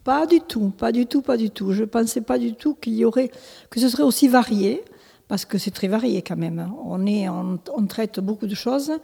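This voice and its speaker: A village mayor in her seventies, originally from Italy, gives a local interview in a large hall. Her slightly high voice is creaky and husky yet warm, at a normal speed, and her answers are hesitant, full of restarts and fillers.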